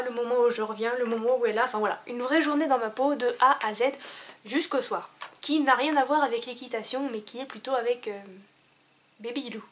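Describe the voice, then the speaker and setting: Young woman vlogger, high voice, chatty and loose, lots of fillers and restarts, talking straight to her viewers. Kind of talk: casual vlog chat.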